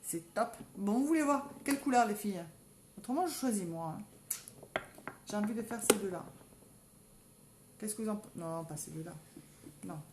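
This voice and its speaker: In a live makeup tutorial, a woman from southern France with a local accent talks casually and keeps calling out to her audience. Her medium-pitched voice is animated and moderately paced, broken by long pauses, and heavy background noise is present. The space has a roomy echo and faint ambient sound.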